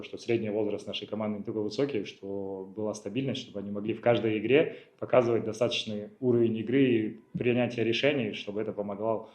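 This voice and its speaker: A man speaking as a football coach at a post-match press conference, measured and hesitant, often pausing with fillers. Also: lowish voice, darkish tone. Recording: roomy, dull lo-fi sound.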